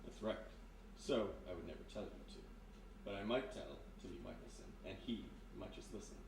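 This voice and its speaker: A man plays a sinister male hypnotist in a live 1940s-style radio mystery, performed in a room of a historic house. His lowish voice is calmly menacing, confiding, polite, measured, insinuating and deliberate. The recording is roomy and distant, like a stage capture, with background noise.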